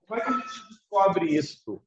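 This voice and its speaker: The audio is dull with a little hiss or hum as a very animated man, his voice sitting high, teaches a classroom lecture at normal speed. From Porto Alegre, with a southern Brazilian Portuguese accent, he chats and questions the class, ending phrases with tag questions.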